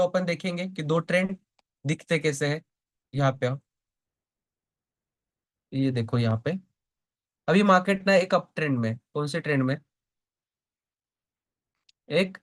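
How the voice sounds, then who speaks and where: In a voice that sits high, a man leads a live online stock trading lesson. He asks the class one question after another, then answers each himself, pausing often to see if they're with him.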